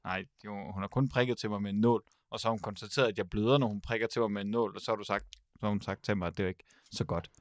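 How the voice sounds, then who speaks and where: A man's voice: on the low side, fairly even intonation, no room sound, studio quality. Hesitant, joking male podcast host. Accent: Danish. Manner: hesitant, full of fillers, laughs often. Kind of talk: casual comedic chat.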